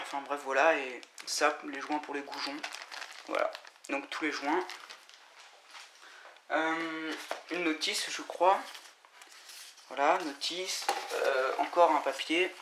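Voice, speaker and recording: A man giving a casual, halting unboxing commentary, full of fillers and restarts. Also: on the high side. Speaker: vlogger unboxing scooter parts. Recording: echoey room with loud noise and crinkling.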